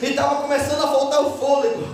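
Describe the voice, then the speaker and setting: A Brazilian man preaches his testimony with fervor, his voice pitched high and breaking into shouts and tongues. He sounds distant from the mic, the words ringing through a very echoey church hall with music softly underneath. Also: monotone, fast talker. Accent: Brazilian Portuguese. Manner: fervent, interjects hallelujahs, speaks in tongues, shifts into shouting. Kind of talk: Pentecostal testimony sermon.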